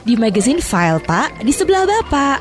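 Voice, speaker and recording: Brisk, helpful secretary. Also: female voice, high voice, sing-song, soft background music. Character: tidy young female secretary.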